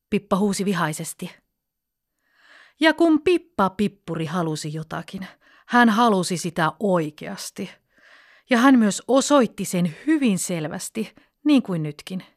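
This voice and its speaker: Expressive woman reading a children's story. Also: medium pitch. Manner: expressive, with hushed whispered passages.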